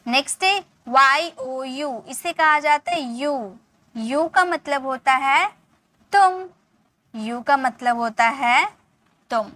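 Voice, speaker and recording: Lady teaching english words, slow and clear, bright voice, spells stuff letter by letter. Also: high-pitched, no echo. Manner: spells words letter by letter and repeats them slowly. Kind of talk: spelling and pronunciation lesson.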